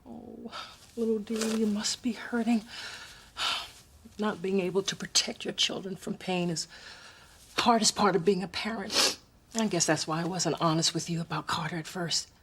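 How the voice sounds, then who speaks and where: A woman's voice: mid-range voice, fairly even intonation, normal speed, a bit bright, a little hiss or hum, natural voice. An actress playing a proud, doting middle-aged mother in a sitcom, motherly and wry. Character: proud, doting woman, grown daughter's mother. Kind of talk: sitcom acting.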